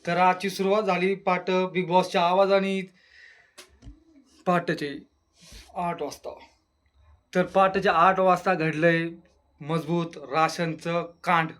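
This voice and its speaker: On his channel, a man gives a casual solo review of a reality show, chatting and exclaiming along the way. His tone is level and fairly bright, and he takes it slowly with long pauses, lowering his voice to mimic the housemates.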